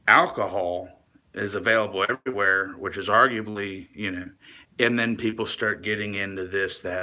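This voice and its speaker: A man giving a rambling, confessional monologue to camera, halting and restarting often and swearing casually. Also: deep voice, pushed and bright.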